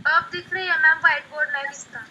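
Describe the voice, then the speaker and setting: A young woman, a student asking her teacher quick short questions. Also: high-pitched, fairly even intonation, sharp tone, lo-fi sound, slight background noise.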